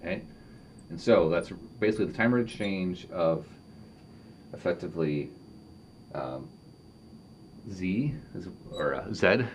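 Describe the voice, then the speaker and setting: A deep-voiced man from Canada lectures through a whiteboard derivation, pausing and restarting as he works out each step. His delivery is halting and thinking-aloud. A faint hum sits under the recording. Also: expressive, a little mellow. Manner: halting, thinks aloud while writing equations.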